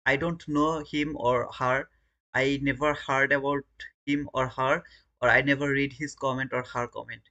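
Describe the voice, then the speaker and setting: Over lo-fi sound, a man from Bangladesh runs a live trading stream, speaking in a bright, forceful mid-range voice. His Bangladeshi English commentary is casual and chatty, and he often repeats words to his viewers.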